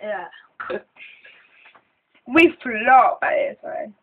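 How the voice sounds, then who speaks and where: Female vlogger, casual challenge chat, high husky voice, thin phone-like audio. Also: lively intonation, extremely slow. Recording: tinny, phone-like band-limited sound.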